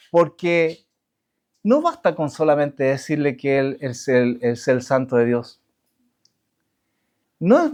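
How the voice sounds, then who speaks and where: A man preaching a sermon to his congregation, halting with restarts and asking rhetorical questions. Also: sits high, a little mellow. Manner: halting, many restarts and fillers. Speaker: pastor.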